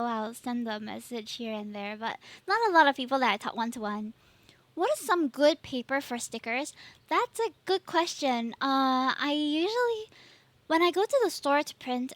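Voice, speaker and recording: A woman's voice: high-pitched, fairly bright tone, no echo. A young Singaporean woman chatting casually on a live stream, rambling and laughing often.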